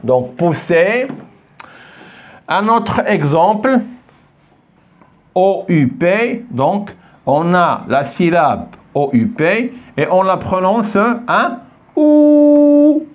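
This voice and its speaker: A man's voice: high voice, sing-song, drawn-out words, long pauses, lo-fi sound. A man teaching French in a classroom, patiently repeating words and asking often if the students follow. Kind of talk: classroom lesson. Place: classroom with a board.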